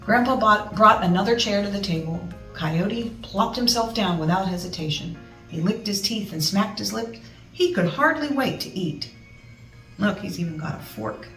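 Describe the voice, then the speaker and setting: A woman reads a children's story aloud with expression and chatty asides. Her pitch is average. The recording is quite roomy and a bit distant, with music behind her. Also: expressive, moderate pace, fairly bright tone. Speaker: storybook reader.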